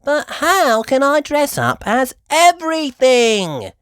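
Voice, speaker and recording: A woman voicing an excitable, earnest little girl pig with wide-eyed exclamations in a children's storybook read-aloud. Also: high voice, slow, dry recording, clean studio sound, pitched above the performer's own voice, heavily acted. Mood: earnest, proud.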